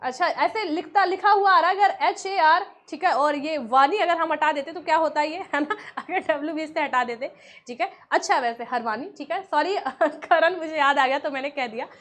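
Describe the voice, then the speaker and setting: A woman's voice: high-pitched, normal speed, fairly bright tone. A woman teaching a live online science class for exam students, chatty and encouraging, often repeating herself.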